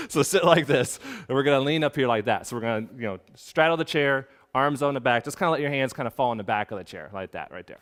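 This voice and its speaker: A man's voice: mid-range voice, animated, fast talker, few pauses, a bit bright. A man who is a portrait photographer, teaching in his studio while directing a model in a casual way, with many fillers. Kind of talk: hands-on studio demonstration.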